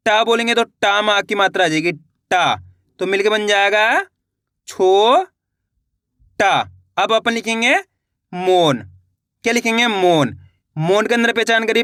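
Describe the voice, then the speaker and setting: A young man teaching children to read Hindi, slowly spelling out each syllable, repeating words and asking questions patiently. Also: high-pitched, bright, forceful tone, clean tone, dry recording, clean studio sound.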